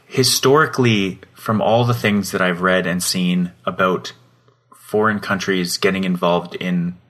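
A man's voice: low-pitched, a bit bright. A Canadian man co-hosting a podcast in casual chat, laid-back and laughing as he searches for his words. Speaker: podcast co-host.

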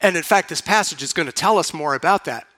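Brief: male pastor, bright high voice, dramatic storytelling sermon with hushed moments. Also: lively intonation, fast. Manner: dramatic storytelling that drops to a hush.

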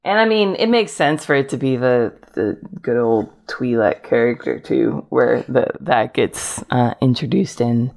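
A woman's voice: a bass voice, expressive, a little slow, vocal fry, few pauses, darkish tone. A woman hosting a podcast in casual chat, talking in a chatty way, laughing often and filling her speech with "like". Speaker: podcast host.

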